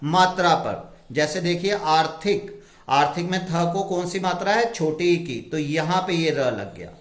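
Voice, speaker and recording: A man's voice: a little high, echoey room. A man teaching a grammar lesson, who asks his class questions and then answers them himself. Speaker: Hindi teacher. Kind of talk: slow explanatory lesson with rhetorical questions.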